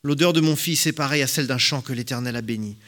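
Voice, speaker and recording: A man voicing an old blind father in a scripture reading, speaking in a measured, solemn way. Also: mid-range voice, a bit bright, lightly acted.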